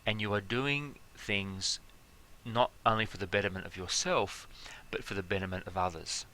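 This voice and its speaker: A man giving a relaxed, conversational lecture, filling pauses with fillers and stacking everyday examples. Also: on the low side. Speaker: teacher. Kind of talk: explanatory lecture.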